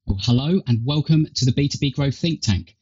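A man's voice: medium pitch, animated, a little fast, mellow, slightly rough. Tinny, slightly metallic male podcast host. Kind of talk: scripted intro and podcast hosting. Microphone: earbuds instead of proper microphone. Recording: tinny earbud microphone.

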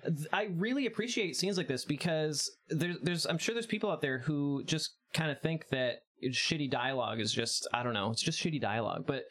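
A man's voice: fairly high pitch, animated, fairly quick, few pauses, fairly bright tone. Chatty, opinionated man discussing a film. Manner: chatty and opinionated, with frequent restarts.

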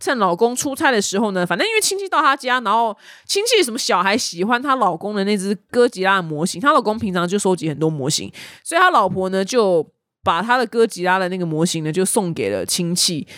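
A young adult woman, hosting a casual news chat with animated storytelling. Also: mid-range voice, dry recording, clean studio sound. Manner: chatty, animated storytelling with voiced quotes. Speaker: news podcast host.

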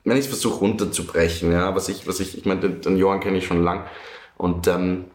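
A man's voice: deep voice, a little fast. A man, a psychiatric nurse, telling stories animatedly in a casual podcast chat. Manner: animated storytelling, many restarts. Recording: roomy echo.

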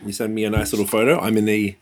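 A man's voice: on the low side, flat delivery, racing. A man chatting casually as a podcast host, laid-back, slangy and free with swearing. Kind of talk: casual chat.

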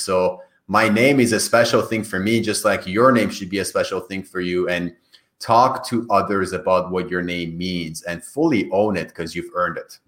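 A podcast guest, raised in Iran and a native Farsi speaker, answers interview questions over a call in an earnest manner. His voice sits low and is a bit bright. He often restarts and repeats words as he talks.

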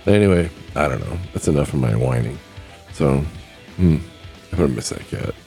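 A man's voice: rumbling low, lively intonation, normal speed, gravelly, dark tone, faint music behind. A man hosting a casual solo podcast, rambling and plainspoken, choking up with grief. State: grieving, choking up. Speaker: podcast host.

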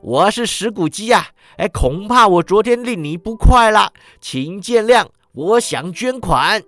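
A man's voice: high-pitched, lively intonation, measured pace, fairly bright tone, dry recording, pitched above the performer's own voice, exaggerated voice. A man voicing a giddy, reformed old miser who exclaims breathlessly with delight in a storybook reading. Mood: joyful.

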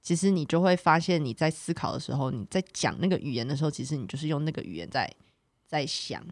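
Woman chatting with very lively intonation. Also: low-pitched, quick pace, dry recording, studio quality. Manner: animated, repeats words, mixes in English. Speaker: podcast co-host. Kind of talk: casual chat.

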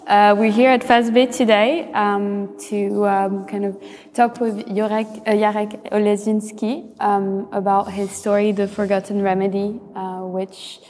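A woman hosting a live stage interview, asking questions with many ums and pauses. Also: medium pitch, little pitch movement, darkish tone, big-room sound, slight background noise. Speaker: interviewer, host.

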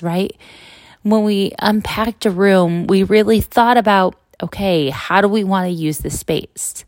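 This middle-aged podcast host has a mid-range, somewhat dark voice and speaks in a candid, conversational monologue, frequently tossing in a "right?" The recording is dry and makeshift, done somewhere other than a real studio.

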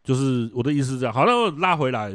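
A middle-aged man with a Taiwanese Mandarin accent rattles off stories at a quick clip, voice sitting in an ordinary middle register. He talks bluntly and swears freely, hosting a casual chat. The sound is close and dry, with no room around it. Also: mid-range voice, dry recording. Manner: blunt, profane, animated storytelling. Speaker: podcast host.

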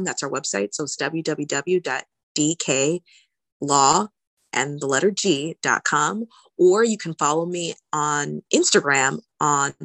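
A woman with a slightly low voice talks as a podcast guest in a close, dry-sounding setting. Her delivery is casual and conversational, explaining her points as she goes. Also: creaky, fairly bright tone, dry recording. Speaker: podcast guest, healthcare lawyer. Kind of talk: casual interview chat.

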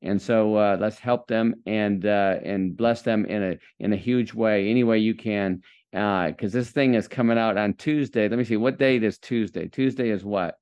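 A man's voice: on the low side, steady tone, moderate pace, a little mellow, smooth. A man hosting a faith-based podcast interview, enthusiastic and preacher-like as he encourages his listeners. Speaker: podcast host.

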